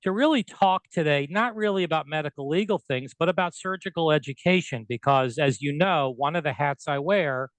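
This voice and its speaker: A man's voice: a little high, a little fast, few pauses, dry recording, rough recording. A middle-aged man hosting a medical podcast, speaking in a friendly, upbeat conversational way. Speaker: podcast host, surgeon. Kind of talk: podcast interview.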